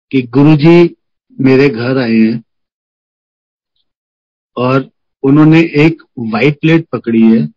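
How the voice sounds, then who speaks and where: A man's voice: mid-range voice, no room sound, muffled recording. A middle-aged man, earnestly sharing a devotional testimony and mixing in English phrases. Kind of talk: emotional personal testimony. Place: home on a video call. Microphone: video call.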